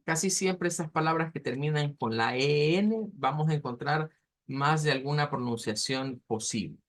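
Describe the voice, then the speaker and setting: A man teaching an online language class, explaining step by step and slowly modeling pronunciation. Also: on the high side.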